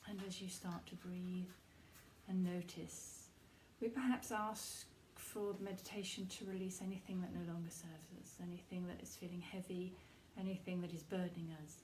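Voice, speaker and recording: Calm and reassuring, this meditation guide offers soft, leisurely instructions with pauses between phrases in a voice on the low side and a level tone. The recording is low-quality, with slight background noise.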